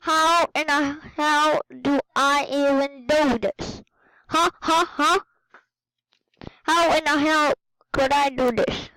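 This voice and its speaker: A woman's voice: high voice, slow pace, no echo, rough recording. A woman hosting a casual gaming video, talking to viewers as she plays and exclaiming at what happens on screen. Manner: excitable, exclaiming at the game. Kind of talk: casual game commentary.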